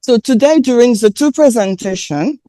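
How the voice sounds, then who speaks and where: A woman presenter, a native French speaker with a French accent, delivers a sermon in English while an interpreter follows her. Her voice is a little high, expressive and warm, and she pauses hesitantly with plenty of fillers.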